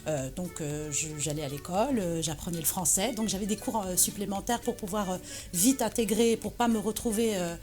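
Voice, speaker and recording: A woman from Morocco speaks at a medium pitch in a relaxed interview. She talks hesitantly, with lots of fillers and restarts. Faint music plays behind her. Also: brisk. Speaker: guest, association president. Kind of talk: casual interview conversation.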